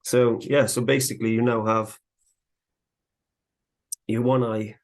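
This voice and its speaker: A man teaching woodcarving live, chatting in a relaxed way as he works, a little out of breath. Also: medium pitch, a little slow. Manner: relaxed, chatty, talks while working. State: slightly out of breath. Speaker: woodcarving instructor. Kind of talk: live carving tutorial.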